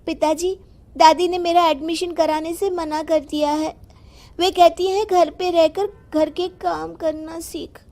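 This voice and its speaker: A woman voicing an earnest teenage schoolgirl who protests in an animated family drama. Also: extremely high pitch, measured pace. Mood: pleading. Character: earnest, pleading schoolgirl granddaughter in her teens.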